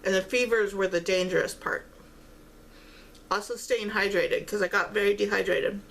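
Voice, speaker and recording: Woman w lots of vocal fry talking casually while she eats and chews, halting, bit of background noise. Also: medium pitch, fairly even intonation, fairly bright tone. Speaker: vlogger eating on camera while talking. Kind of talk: casual mukbang-style chat.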